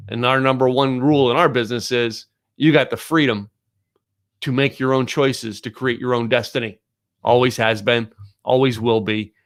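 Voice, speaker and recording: Recorded on camera with studio clarity and no room sound, this man hosts a podcast at a medium pitch. His monologue to camera is blunt, emphatic and preachy, and he keeps saying "ladies and gentlemen."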